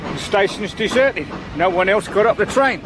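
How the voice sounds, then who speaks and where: A man's voice: high voice, lively intonation, moderate pace, noisy background. A man playing a nervous, plain-spoken and loyal manservant in a 1970s radio drama. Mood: anxious. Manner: plain-spoken, anxious, a little whiny.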